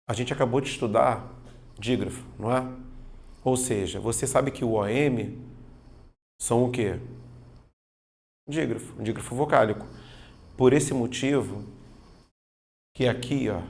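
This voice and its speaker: Male teacher, gravelly mid voice, casual, chatty lesson delivery that keeps checking students follow. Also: medium pitch, a little mellow. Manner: casual, addresses students as "galera", frequent "ó" and "tá vendo?". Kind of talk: exam-prep grammar lesson.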